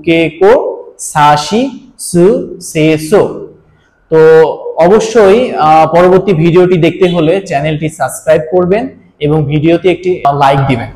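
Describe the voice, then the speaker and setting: A man's voice: high-pitched, a little mellow. A man from Bangladesh teaching a Japanese language lesson, explaining patiently step by step and repeating key points. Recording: roomy echo.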